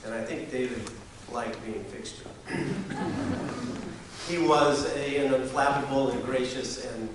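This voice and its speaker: A man giving a wry, halting memorial speech full of anecdotes, often pausing to clear his throat. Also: mid-range voice, fairly even intonation. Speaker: eulogy speaker, science reporter. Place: community hall memorial gathering. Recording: echoey hall, distant mic, hiss.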